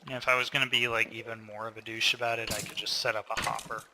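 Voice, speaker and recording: A man's voice: medium pitch, flat delivery, quick pace, noisy background. A man casually narrating his gameplay, thinking aloud with fillers, a little tired. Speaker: gameplay commentator.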